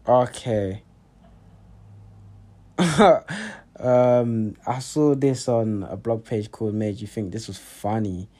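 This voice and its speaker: A young man co-hosting a podcast with a London accent. His lowish, dark and mellow voice carries laid-back roadman slang in an easy, casual chat. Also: slow pace. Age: young adult. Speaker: podcast co-host.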